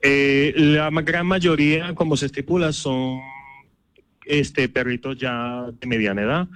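A Venezuelan-accented man answering a radio reporter outdoors at a shelter, earnest and a little halting. His voice is mid-pitched and dry, close to the mic with no room sound. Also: a bit bright, smooth, no room sound. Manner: earnest, lists needs with hesitant fillers. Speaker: shelter volunteer coordinator. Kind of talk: live on-site radio interview.

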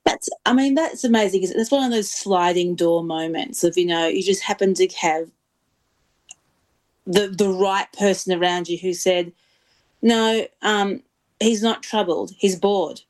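A woman hosting an interview, introducing her guest with enthusiasm and asking halting questions. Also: medium pitch. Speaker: host.

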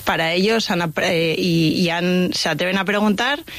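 A woman's voice: on the low side, normal speed, a bit bright, no room sound. Hesitant woman guest. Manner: hesitant, many fillers and restarts. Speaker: program manager, guest. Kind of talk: radio interview.

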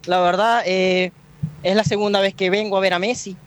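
A man's voice: sits high, level tone, moderate pace, slight background noise. A man from Venezuela, an earnest football fan answering interview questions outside a stadium with some hesitation. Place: outdoors near a stadium.

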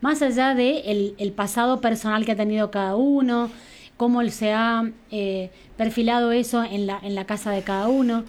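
An Argentine woman interviewer with a slightly raised pitch asks long, winding questions, building each one over several clauses. She sounds like a host leading a conversation. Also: steady tone, normal speed, a little mellow. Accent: Argentine Spanish.

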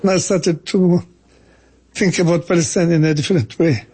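Older husky man, halting speech. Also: a little high, steady tone, a little mellow. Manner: halting, repeats words, slow reflective phrasing. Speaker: interviewee, painter. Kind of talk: interview answers.

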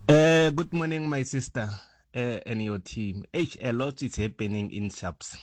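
A man speaks in an earnest, measured way with pausing fillers, in a voice note that is played on air. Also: medium pitch, no echo. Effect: recorded voice note played on air. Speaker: listener sending a voice note. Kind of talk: casual spoken message.

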